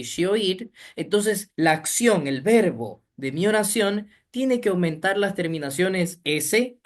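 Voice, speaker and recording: A woman teaching English grammar step by step, often checking understanding with short tag questions. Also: sits low. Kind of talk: recorded grammar lesson.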